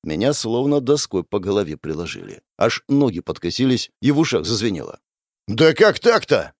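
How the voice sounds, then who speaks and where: A man narrating a first-person story in an expressive, dramatic reading style. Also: on the low side, brisk, no echo, clean studio sound. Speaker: audiobook narrator.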